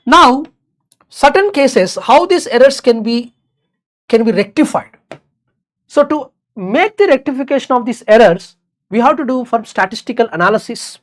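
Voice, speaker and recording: A woman's voice: fairly high pitch, animated, moderate pace. A woman with an Indian accent giving an exam revision lecture in mixed English and Hindi, repeating key phrases and checking that learners follow. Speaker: teacher.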